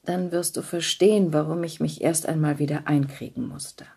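A woman reading a story puts on a dazed young husband who speaks slowly and earnestly. The voice stays close to the reader's own, low and a little husky. His words come out halting. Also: fairly even intonation, mellow, full character voice. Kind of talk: audiobook character voice.

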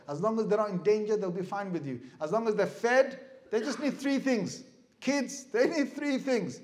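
A middle-aged man giving a lively sermon as an Islamic preacher, asking the audience questions and acting out crying babies. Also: very high-pitched. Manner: animated, asks the crowd questions, mimics crying babies.

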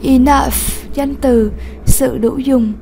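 High-voiced woman teaching slowly. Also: steady tone, mellow, a little hiss or hum. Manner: slow, clear, patient explaining. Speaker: English teacher. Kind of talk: classroom lesson narration.

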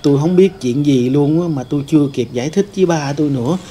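Casting note: a man as a grieving young male ghost, mellow voice, rambling telling. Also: a little high, fast, slight background noise, lightly acted. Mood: sorrowful. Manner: rambling storytelling, many fillers. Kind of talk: staged ghost-hunting role-play.

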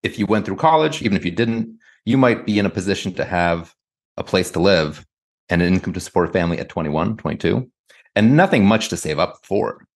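A man's voice: sits low, expressive, a little fast. A man from the United States, a guest author answering interview questions in a thoughtful, hedging way, full of "kind of" and "like".

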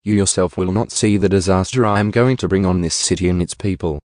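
Deep-voiced man reading scripture. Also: no echo. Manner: steady, measured reading. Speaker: Bible reader.

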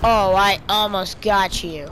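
A woman gamer streaming her play gives casual, goofy commentary and exclaims often. Her medium-pitched voice moves slowly over a noisy background, with video game gunfire and clicks sounding over her.

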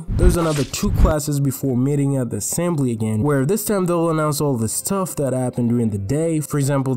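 A teenage man from Tanzania narrating a comedic animated story in a joking, slangy way. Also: medium pitch. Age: teens.

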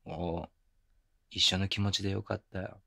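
A man playing a teasing, affectionate young boyfriend in intimate ASMR role-play, murmuring softly and very close to the microphone. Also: sits low, little pitch movement, moderate pace, no echo, exaggerated voice. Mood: tender. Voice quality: breathy, gravelly. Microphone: very close binaural microphone, dry.

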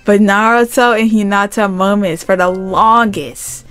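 A woman's voice: medium pitch, fairly even intonation, unhurried, noisy background. Woman, gaming YouTuber, reading story game aloud, chatty, giggly, gushing, casual commentary.

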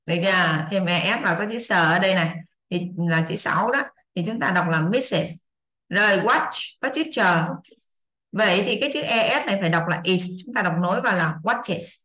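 A woman explains an English lesson in a casual, talkative way. She repeats examples and keeps checking that her students are following. Her middle-pitched voice carries a noticeable room echo. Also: sharp tone. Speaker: English teacher. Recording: roomy echo.

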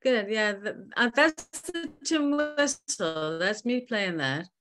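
An older woman from Newfoundland speaks at a middling pitch in a loose, candid way. She restarts phrases and leans on fillers as she recalls things. The sound is a plain laptop mic on a video call in a bright home room. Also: big pitch swings, slow. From Newfoundland, Canada. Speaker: musician guest. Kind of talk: casual interview over video call.

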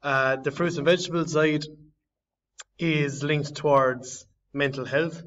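A young man walks through his design project in a halting way, stopping and restarting mid-phrase. His voice sits a little high. The audio is dull and lo-fi, and he sounds a bit far from the mic. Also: flat delivery, fairly bright tone. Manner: halting, searching for words, frequent restarts. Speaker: design student. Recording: slightly distant, dull lo-fi audio.

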